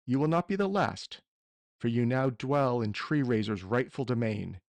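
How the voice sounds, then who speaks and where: A man's voice: mid-range voice, moderate pace, darkish tone, dry recording, close to an everyday voice. A man voicing a menacing villain servant in a tabletop game, delivering a formal, gloating monologue. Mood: gloating menace.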